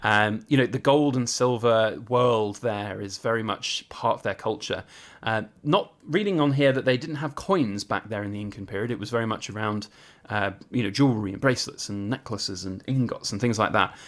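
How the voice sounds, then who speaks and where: A man's voice: on the low side, moderate pace, fairly bright tone. A British man talking casually and informally as an enthusiast hosting his own collecting vlog. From United Kingdom. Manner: chatty, conversational, informal. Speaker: coin collector and video host.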